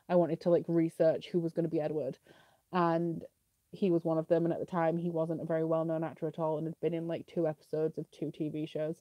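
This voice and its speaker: Her voice sits low in pitch, and the recording sounds dull, with no room sound at all. She's a young woman with a British accent who is a bit sniffly and has a slight cough, casually fielding viewer questions during a live stream and saying "like" a lot.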